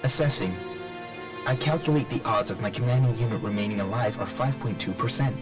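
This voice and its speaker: An actor voicing a damaged male combat robot in a video game. His voice runs through a robotic metallic filter, and he speaks in flat, clipped status reports with repeated system errors. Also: mid-range voice, a little fast. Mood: malfunctioning, clipped. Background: loud game music.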